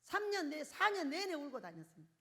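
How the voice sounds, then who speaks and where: An older woman pastor preaching a charismatic sermon, asking the congregation questions and swinging from loud bursts to soft, quiet lines. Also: high-pitched, sing-song, a little fast. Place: church hall.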